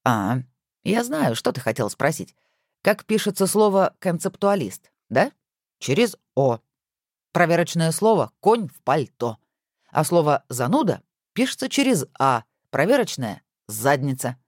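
A reader voicing a sharp-tongued young wife who teases her husband in mock-stern tones, in a storybook reading. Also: medium pitch, big pitch swings, unhurried, no echo, studio quality, voice pushed up. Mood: teasing.

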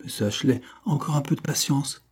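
A man's voice: a little high, a little fast, a little mellow, husky, pitched above the performer's own voice. A man voicing a shrewd, self-important police sergeant who keeps his clues to himself, in an audiobook. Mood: confiding. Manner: secretive and knowing.

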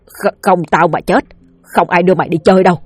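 A woman's voice: on the low side, steady tone, quick pace, no echo, faint music behind, lightly acted. A woman doing a stammering cowardly old man. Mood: nervous. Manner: stammering, pleading, boastful. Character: cowardly bragging older village man.

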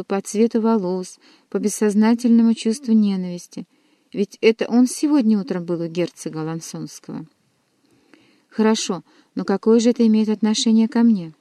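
A woman's voice: medium pitch, mellow, dry recording, clean studio sound, natural voice. A woman voicing an ardent, jealous young male nobleman who pleads his love. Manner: pleading, impassioned.

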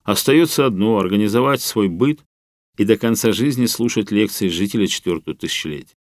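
A calm and kindly older professor in an audiobook, as a male narrator voices him. His speech is measured and explanatory, gentle rather than sharp. The sound is close and dry. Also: on the low side, no room sound, natural voice.

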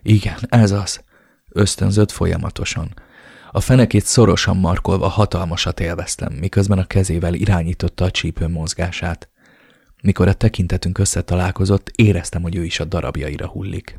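Deep gravelly male audiobook narrator. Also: steady tone, darkish tone, no echo, clean studio sound. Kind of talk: first-person audiobook narration.

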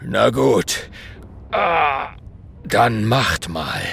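A man voicing a grumpy, gruff big male dragon father with a gravelly growl. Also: mid-range voice, big pitch swings, drawn-out words, slight background noise, heavily acted. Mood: suspicious.

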